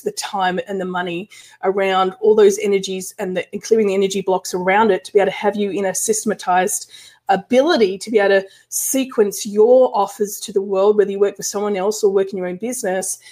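Speaking in a medium-pitched, slightly mellow voice, a woman who coaches spiritual business talks to her online group on a live stream. Her chatty delivery is full of fillers and frequent restarts.

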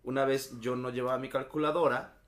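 A young Mexican man telling school stories in a loose, slangy, animated way. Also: mid-range voice, a little fast. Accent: Mexican Spanish. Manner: storytelling, slangy and animated, acts out quotes. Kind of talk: casual chat.

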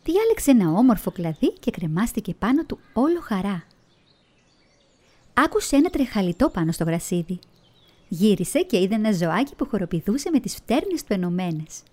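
A woman storyteller narrating a children's fairy tale in an expressive, melodic way. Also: medium pitch. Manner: expressive, melodic reading with vivid emphasis.

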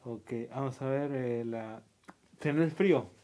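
A man's voice: mid-range voice, takes it slowly, crowd noise. A man casually asking for words in another language and repeating each one back, with a questioning manner. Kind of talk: casual word elicitation.

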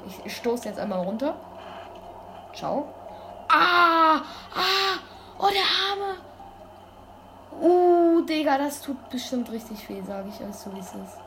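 A woman giving casual gameplay commentary, excitable and full of youthful slang, breaking into sudden loud exclamations. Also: mid-range voice. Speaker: let's play gamer. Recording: constant background noise.

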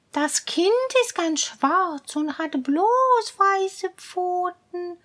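A woman's voice: very high-pitched, fairly bright tone, pitched above the performer's own voice, heavily acted. Woman doing a sly greedy meowing cat. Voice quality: meowing, purring. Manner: drawn-out, scheming delivery.

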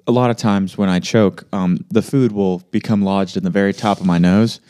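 Deadpan young man with a low, dark voice. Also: moderate pace. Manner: dry, blunt, deadpan answers. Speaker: podcast co-host. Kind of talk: casual chat.

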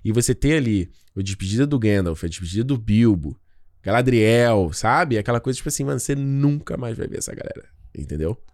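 A man in his thirties rattles along at a quick clip in a loose, casual chat. He's animated, slangy and swears freely. His voice sits mid-range and sounds dry and close to the mic. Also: mid-range voice, no room sound. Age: 30s. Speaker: podcast co-host.

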